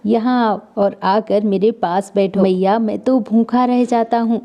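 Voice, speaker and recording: A woman voicing a hungry little boy god who softly pleads with his mother in a devotional story. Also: mid-range voice, steady tone, measured pace, highs cut off, close to an everyday voice. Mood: pleading.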